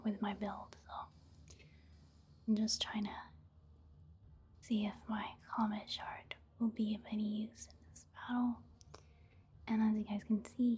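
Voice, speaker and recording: A gaming ASMR video host, a woman with a medium-pitched voice, provides soft-spoken game commentary in a hushed, breathy whisper. Her manner is gentle, casual and unhurried.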